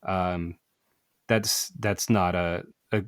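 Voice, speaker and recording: Low-voiced man hosting a podcast. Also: steady tone, clean tone, no echo, studio quality. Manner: halting, with many fillers and restarts. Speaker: podcast host. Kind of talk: casual podcast conversation.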